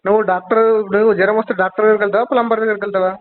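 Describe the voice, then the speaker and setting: A man's voice: high-pitched, little pitch movement, racing. A man arguing with a loan recovery agent, insistent and pressing the same question, mixing English phrases into his speech. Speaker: borrower on a call. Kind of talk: heated phone argument. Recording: tinny phone line with crowd behind.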